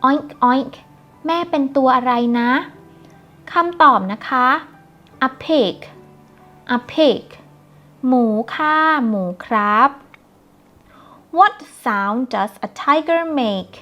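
A woman teaching English phrases to children, saying each line clearly and translating it. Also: sits high, expressive, dull audio. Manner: clear, slow teacherly pronunciation with Thai translations. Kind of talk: bilingual phrase lesson, slow repeated English lines. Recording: soft background music.

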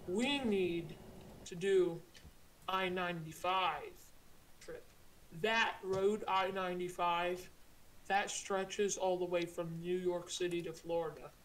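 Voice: mid-range voice, fairly even intonation, slow pace, fairly bright tone, slight background noise, low-quality recording. A playful guest player chatting over a voice call during a gaming session. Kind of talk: casual gaming chat.

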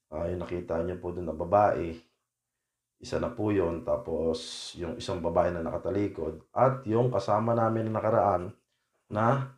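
A man from the Philippines giving a polite, casual vlog update to his viewers, often pausing with "ah" fillers. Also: low voice, a little mellow, echoey room, highs cut off. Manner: polite, uses po, hesitant with frequent "ah" fillers. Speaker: vlogger.

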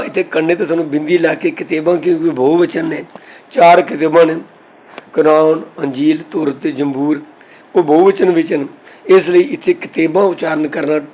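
Guy with a slightly high voice explaining scripture line by line, earnest, slows down for the verses. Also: a little mellow, low-quality recording. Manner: recites verses slowly, then explains in plain speech; earnest, instructive, corrects pronunciation. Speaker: scripture teacher.

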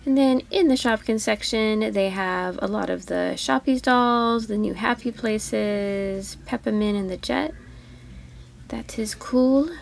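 A woman's voice: medium pitch, slow, gravelly, slight background noise. Gushing woman touring toy aisles. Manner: chatty, easily delighted, gushing over toys. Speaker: toy vlogger. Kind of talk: casual toy-hunt commentary.

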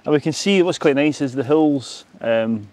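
A man's voice: medium pitch, moderate pace, a little mellow, no echo. A Scottish man chatting casually outdoors by a remote mountain cabin, rambling with restarts. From Scotland. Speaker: vlogger. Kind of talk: casual outdoor vlog chat.

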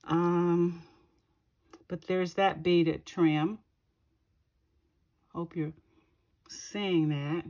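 A woman hosting a craft channel, slowly gushing over gifted trims and pausing to find words, with an occasional throat-clearing. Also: on the low side, fairly even intonation, dark tone. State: keeps clearing her throat. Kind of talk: casual show-and-tell unboxing.

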